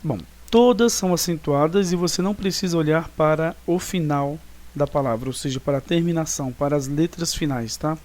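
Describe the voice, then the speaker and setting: A man's voice: fairly high pitch, fairly quick, darkish tone. A Brazilian man teaching Portuguese grammar to ninth graders in a recorded online class. He explains step by step and keeps checking in with "né" and "tá".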